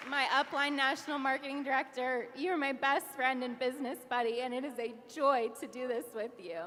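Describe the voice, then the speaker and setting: On stage in a reverberant hall before an audience, a woman in her twenties gives an emotional recognition speech, sometimes laughing as she cries. Her voice is high and sharp, with slight background noise.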